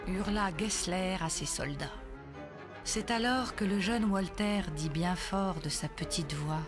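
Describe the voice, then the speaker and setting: A woman narrating a children's story in a measured, dramatic way. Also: mid-range voice. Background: music.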